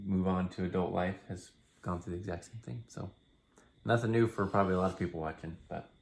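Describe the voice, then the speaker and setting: A middle-aged man chatting casually as a vlogging father, thinking aloud in a hesitant, measured way. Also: deep voice, fairly even intonation, gravelly, a little mellow. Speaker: father and family vlog co-host. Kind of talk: casual, reflective vlog chat.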